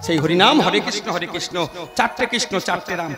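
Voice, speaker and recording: High-voiced kirtan preacher. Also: male voice, fast. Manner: lively, teaching with questions and answers, chuckling. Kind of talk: devotional chanting and sermon. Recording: live chanting with loud music behind.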